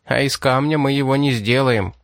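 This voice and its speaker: A wary frontier settler, read by a man narrating a story answers in a guarded, plain-spoken way. His voice sits at an ordinary middle pitch. The recording is dry and close. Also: moderate pace, no room sound, lightly acted.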